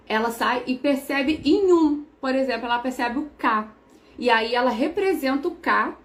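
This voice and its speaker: A woman's voice: a little high, fairly bright tone. A young adult Brazilian woman teacher with a Brazilian Portuguese accent, explaining step by step in a patient, methodical way. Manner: patient, methodical, repeats key terms.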